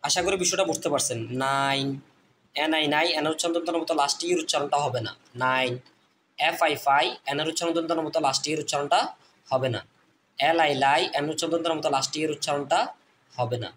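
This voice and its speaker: A man teaching English reading online, repeating letter sounds slowly and addressing viewers as friends. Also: fairly high pitch, steady tone, fairly bright tone, slight background noise. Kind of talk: phonics lesson.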